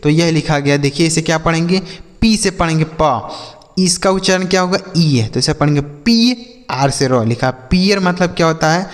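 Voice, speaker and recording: A man teaching English reading to children in a lesson, asking questions and answering them himself as he spells words out slowly. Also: a little high, expressive, long reverb tail. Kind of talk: classroom-style phonics lesson.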